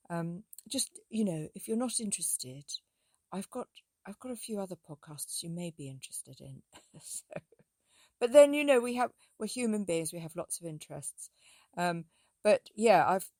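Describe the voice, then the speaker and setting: A woman's voice: on the low side, darkish tone, no echo. Chatty woman, rambling and dry. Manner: rambling, chatty, many fillers and restarts. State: losing her voice. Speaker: podcast host and music teacher. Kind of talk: casual solo podcast chat.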